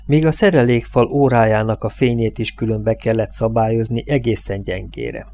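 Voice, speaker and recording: A man narrating a novel as an audiobook, reading in a measured, steady way. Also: medium pitch. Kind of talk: scripted narration.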